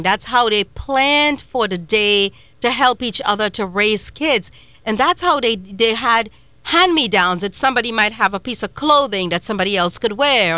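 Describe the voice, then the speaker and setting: A woman from Trinidad and Tobago hosting a casual interview, telling stories with animated laughter. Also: mid-range voice, smooth, dry recording. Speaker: show host.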